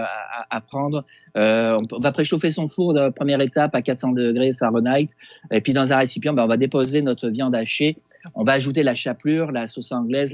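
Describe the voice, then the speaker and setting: A man with a Québécois accent, a chef talking through a recipe on a casual radio segment, halting with many fillers and restarts over a phone line. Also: medium pitch, darkish tone, no echo. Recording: dull lo-fi phone sound.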